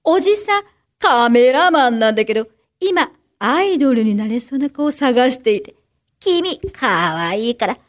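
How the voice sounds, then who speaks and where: A woman's voice: high-pitched, very animated, normal speed. A woman playing a scheming middle-aged man who coaxes a child to follow him, in a crime-prevention radio skit. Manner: wheedling, sneaky coaxing. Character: sly scheming middle-aged male child-luring stranger.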